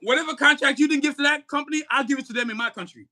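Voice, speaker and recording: Rapid-fire and extremely high in pitch, the man's speech comes in a heated political rant as he co-hosts a podcast. He curses, speaks emphatically, and shouts at points.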